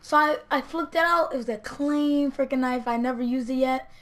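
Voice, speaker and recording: A teenage vlogger telling a story casually and acting out the quotes with lively energy. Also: female voice, sits high, moderate pace. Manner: animated, acts out quotes.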